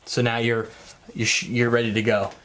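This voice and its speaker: A man's voice: medium pitch, level tone, normal speed, fairly bright tone. A man in his thirties hosting a casual, joking chat about cocktails. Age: 30s. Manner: joking, rambling, teasing. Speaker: host.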